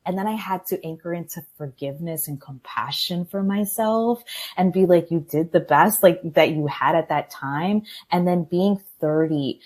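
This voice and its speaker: A woman in her thirties with a low voice, talking as a guest in a relaxed podcast interview. She is candid and reflective and laughs easily. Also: normal speed. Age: 30s. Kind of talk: casual interview talk.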